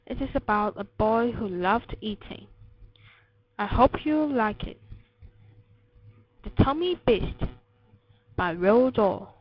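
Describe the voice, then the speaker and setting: A woman reciting a children's poem with an expressive storytelling delivery. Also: on the high side, takes it slowly, long pauses, no room sound. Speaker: poetry reciter. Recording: slightly dull lo-fi recording.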